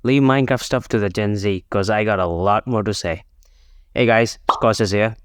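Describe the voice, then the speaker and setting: A man rants casually and brashly as a guest commentator, swearing as he goes. His voice is smooth, at a middle pitch. The recording is dry, with no room sound. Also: normal speed, no room sound. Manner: brash, profane. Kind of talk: casual rant.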